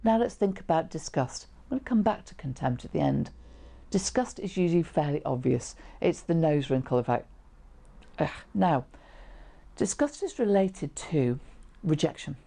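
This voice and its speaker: Seated in a small indoor room, a middle-aged woman gives an informal lesson to camera on reading facial expressions, explaining each point plainly as if chatting to a small class, with short illustrative asides. Her low, mellow voice carries plenty of creak, and she's animated at a moderate pace.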